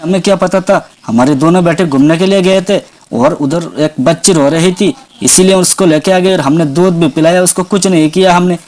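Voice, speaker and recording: Man playing a worried village parent, high-pitched for a man, pleading, doll story. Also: normal speed, darkish tone, natural voice.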